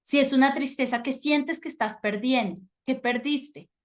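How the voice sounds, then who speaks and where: Woman, middle-aged, parenting coach; gentle reflective delivery, slightly high voice. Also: moderate pace. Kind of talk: talk to mothers with slides.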